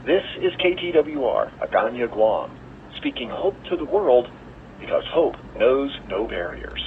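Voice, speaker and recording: Male announcer, lively station ID, heard over a tinny shortwave radio. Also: mid-range voice, a little slow, gravelly. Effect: heard over a shortwave radio broadcast. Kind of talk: scripted station identification.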